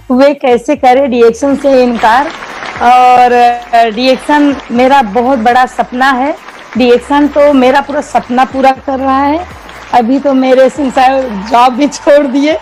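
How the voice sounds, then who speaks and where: Middle-aged woman, high-pitched and heartfelt, tells her story with faint music underneath. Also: a little mellow, poor audio. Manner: emotional and heartfelt. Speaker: member giving a testimonial. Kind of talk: personal testimonial talk.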